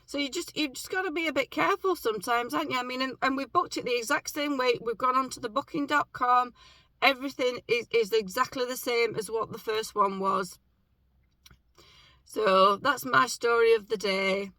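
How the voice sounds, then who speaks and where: Sitting in her parked car, a vlogger chats casually to camera and tells a story with lively quoted reactions, though her morning voice sounds low on energy. She talks at normal speed, with no room sound and poor audio.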